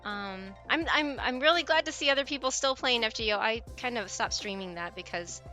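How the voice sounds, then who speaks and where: Chatting to her stream in a loose, rambling way, a woman speaks fairly quickly in a slightly high voice with a sharp tone. Music plays in the background.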